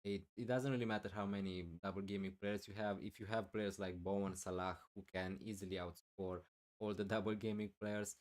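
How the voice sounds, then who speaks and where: Here a man with a low voice streams fantasy football content live, loudly working through chat questions out loud with frequent fillers. There's little movement in his pitch and he talks a little fast. Throat-clearing betrays a voice that's fading.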